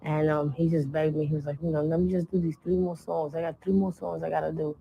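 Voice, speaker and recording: A woman recalling her late husband in a documentary interview, speaking softly and reflectively with frequent "you know what I'm saying". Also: low voice, flat delivery, quick pace, creaky, highs cut off, a little hiss or hum. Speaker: interviewee, late rapper's wife.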